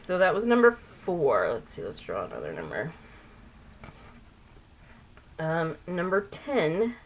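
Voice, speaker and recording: A woman's voice: lowish voice, gravelly, a little hiss or hum. A woman vlogger chatting casually while doing her makeup, rambling and often losing a word mid-sentence. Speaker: beauty vlogger. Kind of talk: chatty get-ready-with-me.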